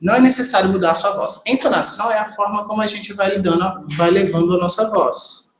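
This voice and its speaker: A man with a Brazilian Portuguese accent lectures a class in a relaxed, conversational way and often checks in with his students. His voice sits a little high. He is recorded in a reverberant classroom with a faint hum of ambience behind him. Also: quick pace. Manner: talks directly to students, checks in with them. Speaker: sign language interpreting teacher.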